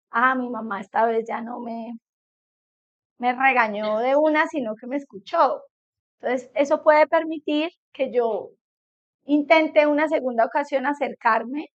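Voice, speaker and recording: A woman's voice: high-pitched, a bit bright. A middle-aged woman psychologist giving a conversational talk to a group of parents, often checking in with her listeners. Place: meeting room with an audience. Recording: dull lo-fi recording.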